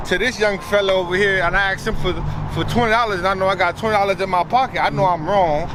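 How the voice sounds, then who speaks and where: A man in an earnest street preaching debate, halting and defensive, often repeating himself as he explains. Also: sits high, steady tone. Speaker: street debater answering questions. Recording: noisy outdoor street with traffic. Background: loud traffic and street ambience.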